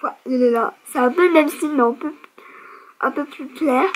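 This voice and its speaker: A woman's voice: high voice, moderate pace, rough recording. A young woman vlogger chatting casually through a beauty product review, chatty and self-mocking, with lots of fillers.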